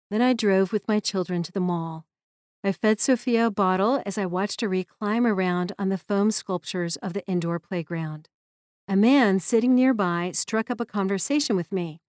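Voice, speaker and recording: A woman's voice: medium pitch, darkish tone, dry recording. Woman, memoir narrator, earnest and reflective, dry close sound.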